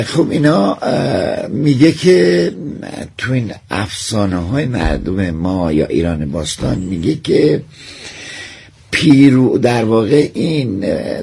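Low gravelly man explaining slowly. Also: warm tone. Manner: hesitant, many fillers, folksy examples. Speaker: expert guest. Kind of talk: conversational explanation.

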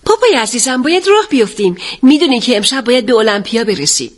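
A willful young English daughter, as a woman narrator reads her in a brusque, impatient tone. The voice sits high, in the manner of a storybook reading. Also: very animated. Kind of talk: audiobook reading.

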